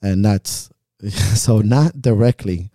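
A man's voice: fairly low pitch, takes it slowly, mellow, no echo, studio quality. A man hosting a podcast as a coach, talking in a frank, reflective way and swearing freely. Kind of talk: casual podcast chat.

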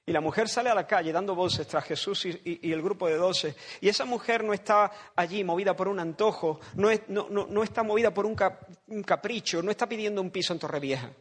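A man's voice: high-pitched, fairly quick, hardly any pauses. A man from preaching a sermon, dramatic and emphatic, repeating phrases and acting out voices from the story.

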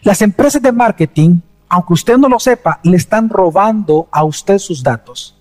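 A man's voice: sits high, animated, normal speed, darkish tone. A man preaching a sermon, speaking earnestly and conversationally and addressing listeners directly. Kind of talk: sermon with storytelling. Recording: long reverb of a hall.

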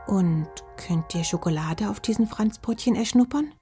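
A woman voicing a curious, clever little female blue fox in a storybook reading, with a soft, calm manner and a husky voice. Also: mid-range voice, normal speed, faint music behind, close to an everyday voice.

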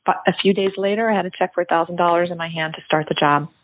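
A woman's voice: on the low side, fairly even intonation, racing, slight background noise. Chatty woman chef on a phone line. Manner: chatty, storytelling with restarts. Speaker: private chef. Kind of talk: casual chat, telling a story.

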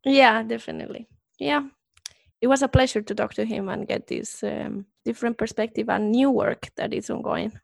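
Woman, podcast co-host, casual explanatory chat, gravelly, dry close sound. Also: on the high side, fairly even intonation, normal speed, no room sound. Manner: explanatory, walks through research in detail.

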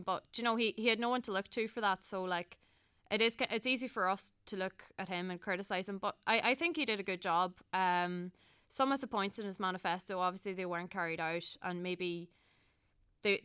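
A young Donegal woman from Ireland, running as a student election candidate, answers interview questions earnestly and conversationally, often correcting herself as she goes. Her medium-pitched voice is sharp, clear and resonant. The recording is dry and studio quality.

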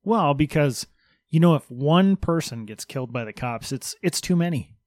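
A man's voice: on the high side, animated, normal speed, a little mellow, no room sound. A man co-hosting a podcast in casual, joking talk, explaining things with mock-serious sarcasm. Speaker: podcast co-host.

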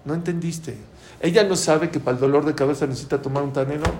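A man teaching a Talmud class to a live audience, lively and quizzing listeners with questions. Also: fairly high pitch, quick pace, slight background noise. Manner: animated, asks the audience questions. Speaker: Torah teacher. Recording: roomy room with faint ambience.

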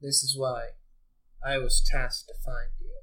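A man voicing a grave rebel ship captain in a tabletop game, speaking low and serious. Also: level tone, a little slow, bright, forceful tone, a little hiss or hum, low-quality recording.

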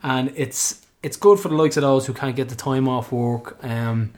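Irish guy hosting a fan podcast, chatty and jokey, real colloquial, mid pitched voice. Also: moderate pace, a little mellow. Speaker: football fan podcast host. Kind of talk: casual chat.

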